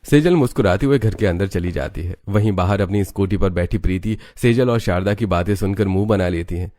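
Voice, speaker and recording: A man narrating a family cartoon story in a scripted, even storytelling style. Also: deep voice, a little fast, dry recording, studio quality.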